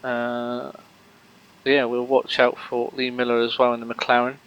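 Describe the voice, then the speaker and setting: A man's voice: medium pitch, completely flat delivery, normal speed, clean tone, highs cut off. A man commentating a sim race live, rambling with lots of fillers and joking banter with his co-host.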